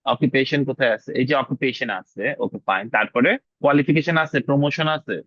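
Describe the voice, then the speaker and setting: A male English teacher running a class, drilling pronunciation and repeating words slowly while mixing English into his casual talk. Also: mid-range voice, a bit bright, dry recording, dull audio. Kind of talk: online class lesson.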